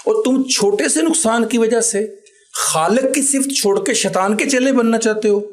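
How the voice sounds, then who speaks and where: A man voicing his elderly father, a gentle, devout old man giving emotional, earnest advice. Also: fairly high pitch, fairly even intonation, natural voice. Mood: earnest pleading. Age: older.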